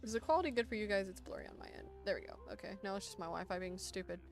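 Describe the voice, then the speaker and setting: A woman in her twenties, an artist, answers viewer questions on a livestream Q&A, chatty, playful and self-mocking. She talks very fast at a medium pitch and sounds a bit congested, picked up by a home desktop mic with faint music behind.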